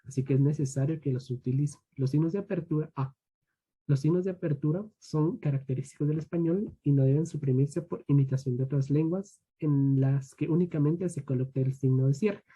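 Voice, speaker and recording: A young man from Guatemala gives an online grammar lesson as a student teacher, with a husky, dark voice that sits a little high. He reads each rule aloud, then slows down for asides to his students.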